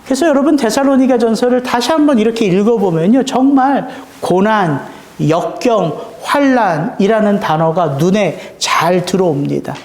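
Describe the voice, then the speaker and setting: High-voiced man preaching in an echoey church. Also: a little mellow. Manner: earnest preaching with rhetorical questions, slowing on key words. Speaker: pastor. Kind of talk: sermon. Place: church sanctuary.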